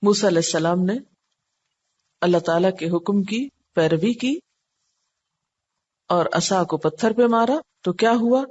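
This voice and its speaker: A woman's voice: mid-range voice, pauses often, a little mellow. A woman teaching a scripture lesson, working through the text one word at a time. She explains patiently, often asking the class a question and answering it herself. The recording is dull and lo-fi, with a faint hiss underneath. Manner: asks the class rhetorical questions and answers them. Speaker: Quran teacher.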